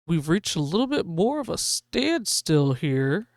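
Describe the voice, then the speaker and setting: A woman hosting a live gaming stream, excitedly calling a race like a sportscaster for her viewers. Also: fairly low pitch, measured pace, no echo, studio quality. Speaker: livestream host.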